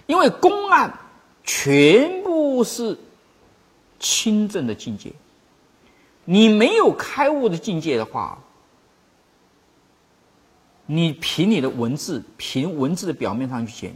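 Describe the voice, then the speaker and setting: A Buddhist teacher giving a teaching talk, telling old stories, acting out the masters' words, and slowly repeating and explaining key phrases. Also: mid-range voice, wildly swooping pitch, breathy edge. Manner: storytelling, acting out quoted masters.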